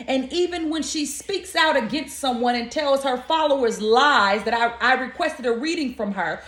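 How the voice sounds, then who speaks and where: A young woman from Florida who reads oracle cards speaks directly to her viewers in a spiritual video monologue, her high, slightly bright voice echoing in the room. Indignant and scolding, she calls them "y'all" and "honey."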